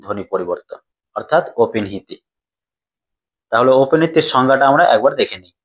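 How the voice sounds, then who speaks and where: A man's voice: medium pitch, expressive, a little fast, husky. A man teaching a grammar lesson, often asking his students questions and then answering them himself.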